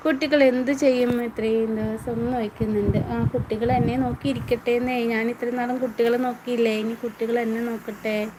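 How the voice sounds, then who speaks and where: A woman's voice: on the high side, noisy background. A woman hosting a casual live stream at home, reading viewer comments aloud and answering each viewer by name in a chatty way.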